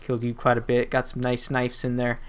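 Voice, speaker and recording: Young man, casual gaming commentary, mid-pitched, loose and rambling, home desk mic. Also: completely flat delivery, fairly quick, clean tone. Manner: rambling and chatty, with frequent fillers and restarts and playful asides. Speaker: gaming YouTuber. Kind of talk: casual gameplay commentary voice-over.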